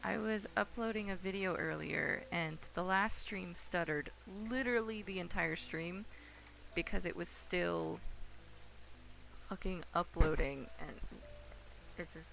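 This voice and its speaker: Woman streamer, casual gameplay chat, gravelly, music playing behind. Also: lowish voice, measured pace, fairly bright tone, rough recording. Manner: muses aloud, reads game text, chats to viewers.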